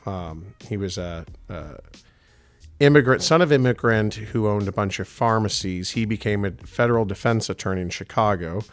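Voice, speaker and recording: A man's voice: fairly low pitch, moderate pace, no room sound. A middle-aged man from Houston with a faint Texan accent, a winemaker guest chatting casually and telling stories with plenty of fillers. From Houston, Texas. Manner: rambling, storytelling, many fillers. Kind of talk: casual interview chat.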